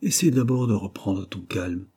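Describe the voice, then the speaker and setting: A man's voice: on the low side, moderate pace, dark tone, husky. A man voicing a young husband who speaks tenderly with forced cheer. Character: anxious young husband hiding bad news.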